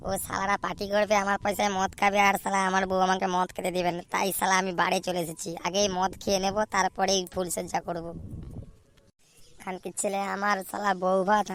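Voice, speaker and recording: A woman's voice: medium pitch, fairly bright tone, a little hiss or hum, natural voice. A woman voicing a drunk, foul-mouthed young male groom in a cartoon, muttering and cursing. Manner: slurred muttering with crude swearing. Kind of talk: cartoon voice acting.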